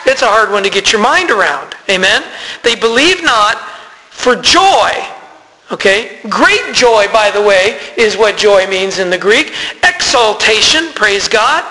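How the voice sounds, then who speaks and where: A man's voice: sits high, big pitch swings, unhurried, bright, forceful tone, in a large hall, low-quality recording. A man preaching a sermon in a conversational way, calling out to the congregation for responses. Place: church sanctuary.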